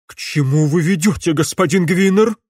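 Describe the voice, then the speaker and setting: A man voicing a flustered, evasive male mayor whose voice jumps high in alarm in an audiobook. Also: normal speed, a little mellow, husky, no echo, clean studio sound.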